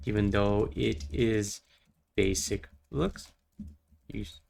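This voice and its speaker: A man's voice: lowish voice, takes it slowly, creaky, darkish tone. A young man rambling casually about spiritual ideas while playing a game, full of fillers and playful asides. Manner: meandering, filler-heavy, playful, easily distracted. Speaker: gaming vlogger.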